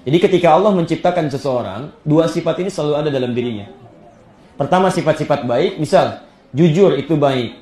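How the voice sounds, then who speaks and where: A man preaching a sermon, telling stories with animated, rising emphasis. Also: on the high side, fairly quick. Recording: echoey room.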